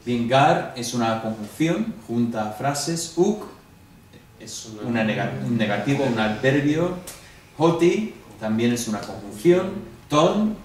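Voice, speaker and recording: A man's voice: medium pitch, big pitch swings, slow pace. A man with a Spanish accent leads a classroom review, walking through each answer and asking his students questions along the way. He is recorded from a distance in an echoey room, with a faint hum underneath. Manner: explains step by step, asks the class questions. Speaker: Greek teacher.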